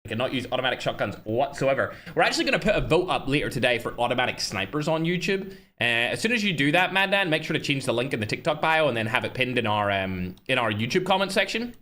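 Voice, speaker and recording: Here the same sort of host, a tournament-running streamer from Northern Ireland, rattles on to his audience with a pushed, bright, slightly high voice and lively intonation. His banter is fast, cocky and laced with trash talk and side comments.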